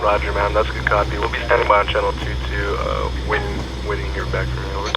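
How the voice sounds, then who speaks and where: A low-voiced man speaks over a marine radio in steady, level tones with heavy static. He rattles off coast guard radio procedure briskly and formally. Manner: formal radio procedure, clipped call signs. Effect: heard over marine VHF radio.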